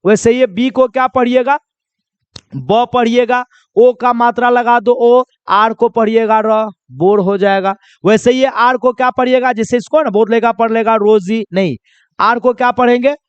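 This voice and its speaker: Here a man with a very high-pitched, smooth voice and steady tone speaks a little slowly while teaching pronunciation rules classroom-style. Calling his viewers children, he keeps drilling them with repeated quiz questions. The audio is muffled, with no echo.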